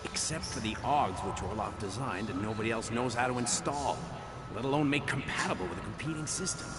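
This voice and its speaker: A man's voice: mid-range voice, a little fast, close to an everyday voice. An actor playing a stern, fatherly middle-aged former boss who lectures insistently in video game dialogue. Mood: matter-of-fact, pressing. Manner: stern, paternal, lecturing like a dad. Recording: loud music behind game dialogue.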